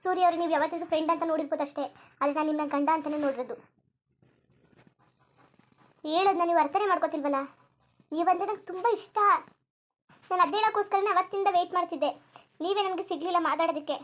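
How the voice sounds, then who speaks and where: A woman doing a lovesick young cartoon woman, very high voice, rapid-fire pleading, clingy. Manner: pleading, insistent, repeats herself. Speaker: cartoon character. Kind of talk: Kannada cartoon voice acting.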